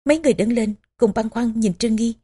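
A woman narrating a historical novel as an audiobook, in measured, even storytelling. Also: fairly high pitch, husky. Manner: measured, even storytelling with small voicings for characters.

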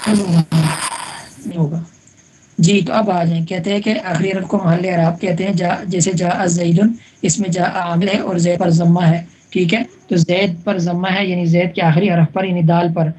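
A woman's voice: on the low side, level tone, warm tone, breathy edge. A woman teaching an Arabic grammar class online, patiently repeating examples and checking that students follow. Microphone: online voice chat room.

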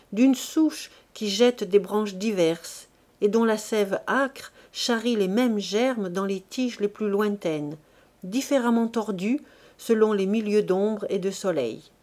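A woman's voice: mid-range voice, darkish tone. Woman reading a classic novel aloud. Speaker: audiobook reader. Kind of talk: literary audiobook narration.

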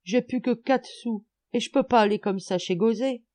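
A woman voicing a rowdy, excitable peasant schoolboy who shouts and swears in coarse rural slang. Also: mid-range voice, measured pace, pitched above the performer's own voice. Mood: whining.

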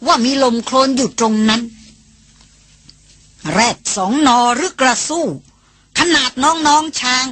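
Breathy woman narrating an adventure novel. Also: sits high, takes it slowly, pauses often. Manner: steady, descriptive storytelling. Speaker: audiobook narrator. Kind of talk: scripted narration.

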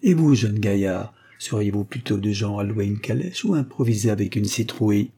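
A man reading an audiobook, voicing a proud, quick-witted young baroness with dry, cutting repartee. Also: medium pitch, fairly even intonation, warm tone, breathy edge. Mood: sly.

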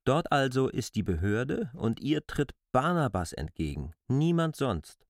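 In a literary radio drama, a male actor plays an earnest, argumentative stranger who reasons insistently in long, deliberate clauses. His medium-pitched voice is very animated, captured in a dry, studio-quality recording.

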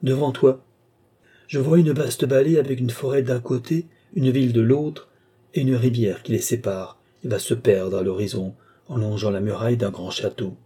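A man voicing a young woman under a trance who tenderly and slowly describes her visions in a storybook reading. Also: medium pitch, steady tone, dark tone, breathy edge, close to an everyday voice. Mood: dreamy entranced. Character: young woman, entranced clairvoyant, tender and devoted.

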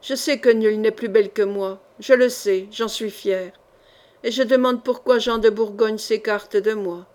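A woman's voice: medium pitch, fairly even intonation, normal speed, a little mellow, close to an everyday voice. A woman reading the lines of a proud, scheming queen in a haughty, scornful manner for an audiobook.

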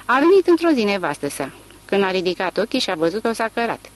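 Reader doing a matter-of-fact gossiping farmer, animated pitch, audiobook. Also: close to an everyday voice, low-quality recording.

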